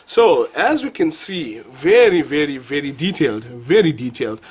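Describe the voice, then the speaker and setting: A man's voice: a little high, very animated, normal speed, husky. A man with a South African accent and a nasal voice from a cold, chatting casually through a collectible figure review, enthusiastic and given to repeating words.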